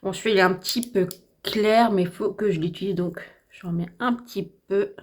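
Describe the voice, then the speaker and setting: A slightly hoarse woman with a French accent chatting casually and enthusiastically through a makeup tutorial at home, with lots of fillers. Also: medium pitch, normal speed. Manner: chatty, enthusiastic, repeats herself with many fillers. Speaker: beauty vlogger. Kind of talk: casual get-ready-with-me makeup chat.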